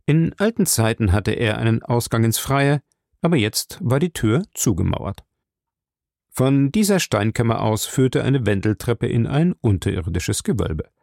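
A man narrating a novel in a measured, even storytelling voice. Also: mid-range voice, gravelly, no echo, studio quality. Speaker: audiobook narrator. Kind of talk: scripted narration.

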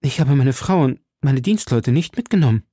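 A man's voice: mid-range voice, expressive, moderate pace, mellow, dry recording, studio quality, pitched above the performer's own voice, close to an everyday voice. Man voicing a tense, cornered noblewoman. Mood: wary.

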